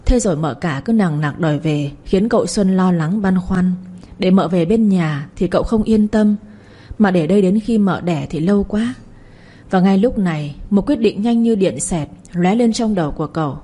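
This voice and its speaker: A woman's voice: fairly low pitch, moderate pace, mellow. A woman narrating a serialized family drama, reading every character's lines herself. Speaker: storyteller.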